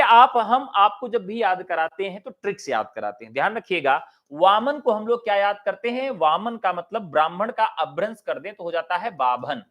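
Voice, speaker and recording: A man teaching an exam-prep class, chatty and animated, who asks questions and answers them himself. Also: high voice. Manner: chatty, jokes and sings a line of a folk song.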